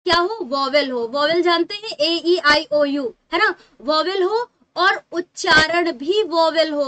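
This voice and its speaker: Woman teacher explaining grammar to kids, really high voice, keeps checking they follow. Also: sharp tone. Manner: patient, repeats tag questions to check understanding. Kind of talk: English grammar lesson for children.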